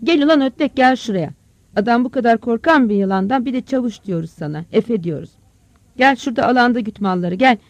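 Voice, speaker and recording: A narrator voicing a rough, hot-tempered village farmer who shouts and scolds gruffly in an audiobook story. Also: high voice, animated, brisk, no room sound, voice pushed up. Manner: gruff, calls out loudly. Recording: dull, dry close recording.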